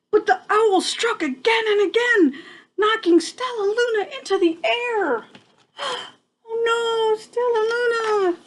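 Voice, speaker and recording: In poor audio, an older woman with a high voice reads a picture book to a child expressively, adding casual asides and exclamations along the way.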